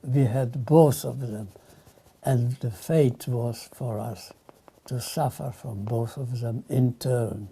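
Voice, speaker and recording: An older man from Lithuania, giving solemn spoken testimony in short, halting phrases. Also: medium pitch, gravelly, mellow, breathy edge.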